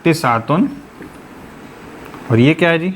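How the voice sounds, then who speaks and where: A man's voice: on the high side, lively intonation, takes it slowly, slight background noise. A man teaching an online class, explaining step by step and quizzing his students with repeated questions. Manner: patient, methodical explaining.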